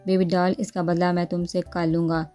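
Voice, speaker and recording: A woman's voice: on the low side, level tone, fairly quick, dark tone, faint music behind, natural voice. A woman reading as a teasing young husband. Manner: playful, coaxing. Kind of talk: storybook dialogue reading.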